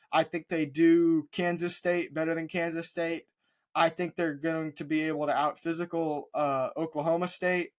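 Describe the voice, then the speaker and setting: Higher-voiced young man giving sports picks. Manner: confident, leans on fillers. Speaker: podcast co-host. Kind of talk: casual sports talk.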